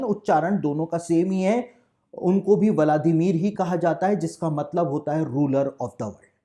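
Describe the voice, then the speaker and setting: Mellow-voiced man explaining Bible prophecy. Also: sits high. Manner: deliberate and explanatory, restating each point twice. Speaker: pastor. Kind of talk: preaching-style Bible prophecy talk.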